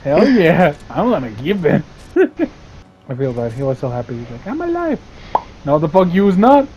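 Excitable man yelling over games. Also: a little high, normal speed, muffled recording, slight background noise. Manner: loud, excitable, swears a lot, switches between English and Spanish. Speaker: gaming streamer. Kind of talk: casual gaming banter.

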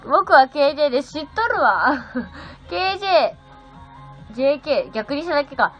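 Her voice sits high with lively intonation at a normal speed: a seventeen-year-old girl chatting on her phone livestream. She reads comments and bubbily thanks viewers one at a time, with the audio slightly dull and faint music audible.

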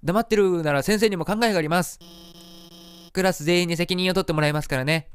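A man's voice: sits high, quick pace, slight background noise, natural voice. A man voicing a timid, polite female monster teacher who sounds a little flustered.

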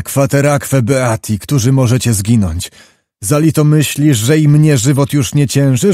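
Guy doing a grave embittered prince in an audiobook, dark mellow voice, pleading and bossy. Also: mid-range voice, no echo, studio quality, lightly acted. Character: proud, embittered middle-aged male prince and commander.

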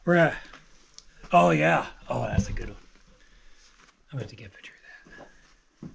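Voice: medium pitch, animated, moderate pace, gravelly, very noisy. A person chatting casually while exploring, the voice echoing inside a cave.

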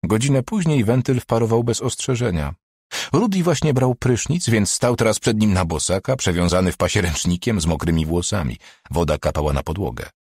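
Deep husky male audiobook narrator. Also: animated, fairly quick, a little mellow, dry recording, studio quality. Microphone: studio microphone, close.

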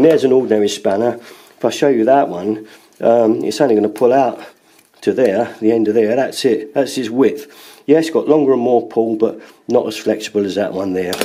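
A man's voice: medium pitch, mellow, a little hiss or hum. A middle-aged man, a plumber, chatting casually as he shows his tools at home on a close camera mic. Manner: chatty and practical, lots of ums and pointing out. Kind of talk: casual hands-on tool demonstration. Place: small room at home by a door.

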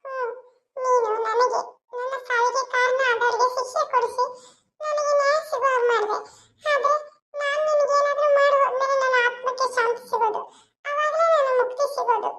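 A shrill, flat cartoon ghost. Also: moderate pace. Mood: soothing. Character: restless ghost seeking peace, gentle and helpful. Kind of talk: cartoon voice acting.

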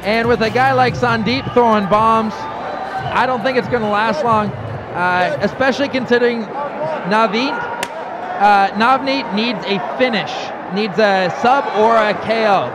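A man's voice: sits high, unhurried. A man giving analytical live colour commentary on a mixed martial arts fight. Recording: live arena broadcast, crowd and music behind.

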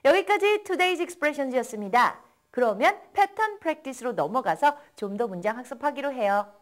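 A young woman teaches English, her voice high and swinging widely in pitch. She reads each example sentence slowly and clearly so learners can repeat it. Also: lively intonation. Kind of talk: bilingual English lesson.

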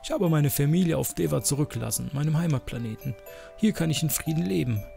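A man's voice: a little high, lively intonation, fast talker, gravelly, dark tone, soft background music, voice pushed up. A man voicing a serious, slightly haughty alien man in a game, speaking in a formal, reserved way.

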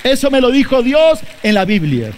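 A man's voice: extremely high pitch, huge pitch swings, moderate pace, a faint crowd, slight background noise. A man from Colombia with a Bogotá accent, preaching a sermon emphatically to his congregation, repeating phrases and addressing them directly. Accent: Colombian Spanish, Bogotá. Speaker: pastor.

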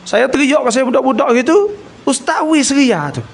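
A man with a Kelantan Malay accent giving a religious talk, telling a story with acted-out dialogue and frequent throat clearing. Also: very high-pitched, moderate pace. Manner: animated storyteller, acts out dialogue. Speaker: religious lecturer.

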